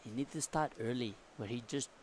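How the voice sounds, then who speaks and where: A man's voice: medium pitch, a little fast, darkish tone, a little hiss or hum. A man co-commentating a surf contest casually, with laid-back, informal surfer talk.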